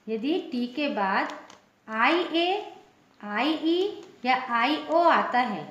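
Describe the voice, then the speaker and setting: A woman teaching English pronunciation, spelling words out letter by letter, asking a question and then answering it herself. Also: sits high. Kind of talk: classroom lesson. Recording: echoey room, dull lo-fi sound.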